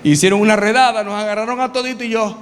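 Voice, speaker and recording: A man pastor preaching with humor, telling stories in an animated way and sometimes shouting. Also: high-pitched, quick pace. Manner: animated storytelling, bursts of shouting. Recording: reverberant hall, faint noise.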